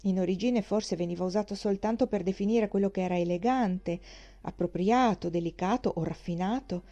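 Woman reading as a witty, teasing young gentleman. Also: mid-range voice, brisk, highs cut off, lightly acted. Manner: playful, ironic.

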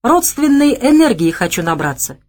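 A woman voicing a tough male fighter who talks in an earnest, deadpan way. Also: a little high, normal speed, voice pushed up.

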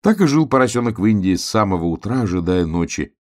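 Man, storybook narrator, deep voice, lively intonation, husky. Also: fast. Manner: soft, expressive, hushed. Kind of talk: storybook reading.

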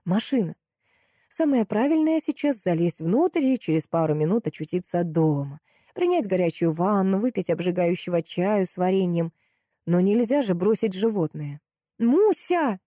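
A woman narrating a first-person audiobook in a steady, lively storytelling way. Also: lowish voice, moderate pace, dry recording, clean studio sound.

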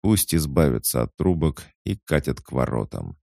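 A gruff, commanding male squad leader who barks short orders and swears, as a narrator puts him on. The voice sits extremely low with a gravelly fry. It is close and dry, with no room around it. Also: animated, measured pace, a little mellow, no room sound, heavily acted.

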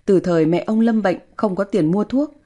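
A woman storyteller reading a sad village tale in a steady, plaintive way. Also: medium pitch, normal speed. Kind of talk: scripted narration of a folk tale.

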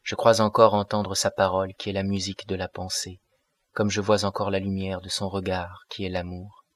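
A man's voice: low voice, flat delivery, moderate pace, no room sound, natural voice. Man reading as a naive young woman, earnest, wondering, audiobook, dry close sound. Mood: dreamy. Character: naive young woman, gentle pastor's daughter.

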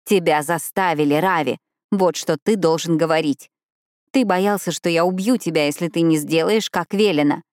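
A woman's voice: fairly low pitch, normal speed, a little mellow, no echo, clean studio sound, close to an everyday voice. A woman reading a determined young woman who keeps insisting firmly. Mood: insistent.

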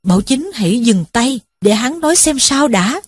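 A woman's voice: on the high side, expressive, moderate pace, husky, dry recording, clean studio sound. A woman voicing a courteous male county officer who speaks formally.

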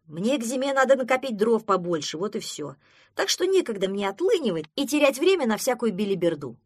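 A woman voicing a grumpy, hardworking forest man in a children's audiobook, gruff and scoffing. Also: a little high, very animated, a little fast, no room sound, studio quality.

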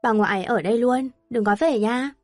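A cheerful, chirpy young woman home for a visit in an audio story, voiced by a woman narrator. She talks quickly in a bright, high voice. The recording is dry and close. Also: no echo, lightly acted.

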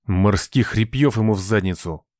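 A man's voice: lowish voice, moderate pace, a little mellow, dry recording, studio quality, natural voice. A man voicing a growling hot-tempered sea captain. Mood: roaring. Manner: growling, barking. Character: gruff coarse male ship captain, hot-tempered noble.

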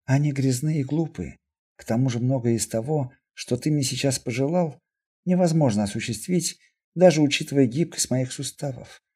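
A man voicing a calm, earnest young mutant woman in an audiobook, speaking softly and evenly. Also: mid-range voice, normal speed, husky, voice pushed up. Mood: hurt, steady.

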